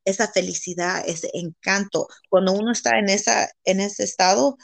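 A woman's voice: mid-range voice, a little fast, vocal fry, no room sound. A woman from California talking as a guest, earnest and upbeat, mixing English and Spanish and laughing often. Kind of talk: casual bilingual interview chat.

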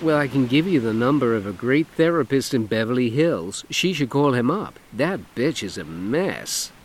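A man's voice: mid-range voice, expressive, moderate pace, slight background noise, pitched above the performer's own voice, natural voice. A man voicing a flamboyant, brash lawyer who talks in a camp, sassy, emphatic drawl.

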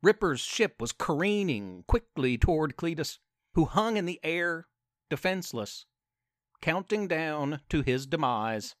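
A man narrating a space adventure story with an animated, playful manner and asides to the listener. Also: fairly high pitch, unhurried, dry recording, studio quality.

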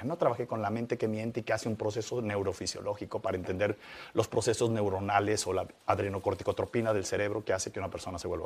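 A man, a magician guest in an interview, telling anecdotes with lively swings between excitement and quiet reflection. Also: fairly low pitch, slightly rough. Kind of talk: animated storytelling in interview.

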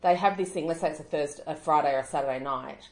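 A woman's voice: sits low, very fast. A middle-aged woman co-hosting a podcast, chatty and rambling, often trailing off mid-sentence. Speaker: podcast co-host. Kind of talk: casual chat. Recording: roomy echo.

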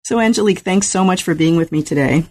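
A woman's voice: on the low side, fast talker, darkish tone, no echo. A woman hosting a book podcast, reading a scripted introduction and asking questions politely with hesitant fillers. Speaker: podcast host.

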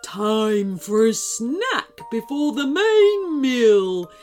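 A woman voicing a hulking, greedy male troll in a storybook reading, with booming, blustery exclamations. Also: big pitch swings, drawn-out words, a little mellow, soft background music, heavily acted. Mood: gloating.

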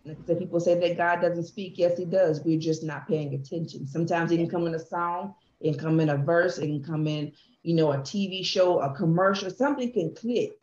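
A woman's voice: fairly low pitch, a little fast, darkish tone. A woman host sharing a heartfelt faith testimony in an earnest, emphatic storytelling way. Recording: echoey, dull room sound.

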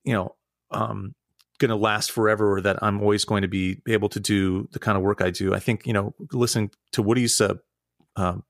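A man's voice: on the low side, steady tone, brisk, gravelly, no room sound. A man who works as a voice actor, chatting casually as an interview guest. He is earnest and self-deprecating, and often restarts his sentences. The sound is dry and close.

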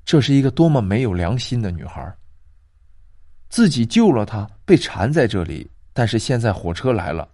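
A man narrating a ghost story in a lively, expressive storytelling voice with drawn-out pauses. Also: medium pitch.

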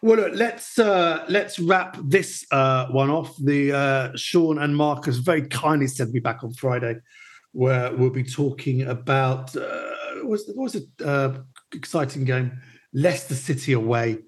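A man's voice: mid-range voice, measured pace. Male podcast host, casual football chat, mid-range voice.

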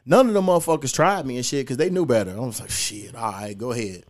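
Speaking fast in a mid-range voice, this young podcast host spins stories with a laid-back, foul-mouthed, slang-heavy style.

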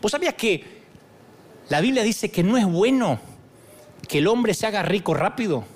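A middle-aged pastor with a Rioplatense Spanish accent delivers a sermon. His voice sits high for a man and swoops up and down with animated, joking energy. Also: normal speed. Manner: animated, joking preacher acting out dialogues.

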